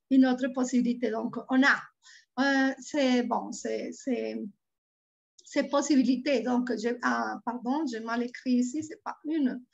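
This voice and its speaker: A woman with a Colombian Spanish accent teaches French over a video call, her voice bright and high. She patiently spells out each word twice, and the call audio comes through dull and lo-fi. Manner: patient, repeats words slowly and clearly. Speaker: French tutor. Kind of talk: online language lesson.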